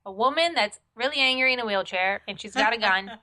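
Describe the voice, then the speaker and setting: Joking bright-voiced woman co-host. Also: on the high side, fairly quick. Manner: joking, exasperated banter. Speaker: podcast co-host. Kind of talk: casual chat.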